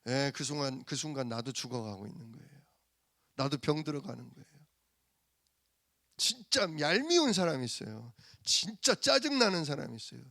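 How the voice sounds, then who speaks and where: A man preaching a sermon as pastor, animated and full of rhetorical questions to the congregation. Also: mid-range voice, normal speed, creaky, dry recording, studio quality. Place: church sanctuary.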